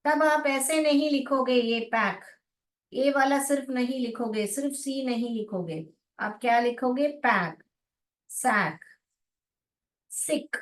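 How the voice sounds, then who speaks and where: Woman, phonics teacher, unhurried and repetitive, echoey room, distant from mic. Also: high-pitched. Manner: slow, repetitive, coaxing, calls students beta. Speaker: online English phonics teacher. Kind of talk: live class explanation to students.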